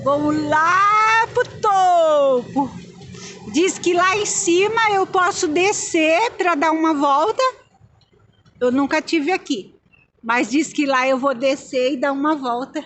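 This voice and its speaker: A woman's voice: high voice, slow pace, fairly bright tone. A woman vlogging casually from a phone on an open cable car outdoors, chatty, nervous and exclaiming. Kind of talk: casual vlog narration. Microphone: handheld phone.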